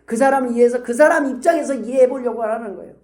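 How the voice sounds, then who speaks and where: A middle-aged woman pastor preaching a sermon in a lively way, acting out the quoted lines of the people in her stories. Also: fairly high pitch, racing. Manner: animated, acts out quoted dialogue in shifting voices. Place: church hall. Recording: echoey room.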